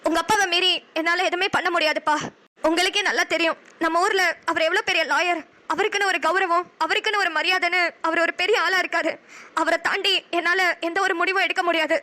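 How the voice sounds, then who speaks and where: A woman's voice: extremely high pitch, steady tone, quick pace, sharp tone. A woman voicing a sorrowful, resigned middle-aged mother in a cartoon. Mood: mournful. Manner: mournful, resigned. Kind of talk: cartoon voice acting.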